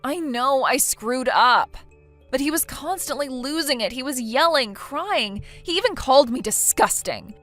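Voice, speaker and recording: This is a defensive wife who whines and stumbles over her words. A text-to-speech woman voices her a little high. Soft music runs quietly behind her. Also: animated, a little slow. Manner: whiny, hesitant. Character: defensive, self-pitying young wife.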